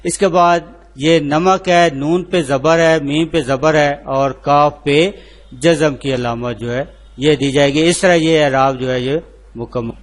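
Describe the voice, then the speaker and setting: A man teaching an online lesson, spelling words out letter by letter in a slow, deliberate way and answering his own questions. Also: a little high. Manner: repeats filler phrases, asks and answers himself.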